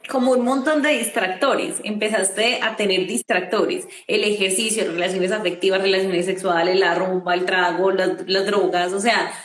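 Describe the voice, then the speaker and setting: A woman's voice: mid-range voice, fairly even intonation, moderate pace, few pauses, fairly bright tone, roomy sound. A woman interviewer summing up her guest's words in short lists. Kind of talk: interview questions.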